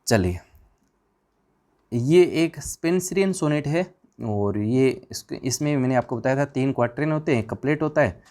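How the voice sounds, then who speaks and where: A man's voice: mid-range voice, measured pace, darkish tone. A man teaching an exam revision class, firing questions at the students and answering them himself in a chatty, informal way.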